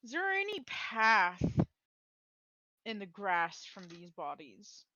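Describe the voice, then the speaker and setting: A woman's voice: mid-range voice, sing-song, takes it slowly, bright, forceful tone, no room sound, muffled recording. A woman playing a tabletop game with friends, making dry, wry remarks. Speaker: player. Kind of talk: casual tabletop play.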